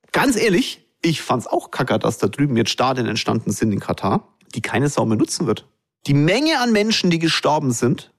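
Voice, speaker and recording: A man hosting a podcast, talking straight to his listeners in a blunt, colloquial monologue. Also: medium pitch. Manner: addresses listeners directly. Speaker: podcast host.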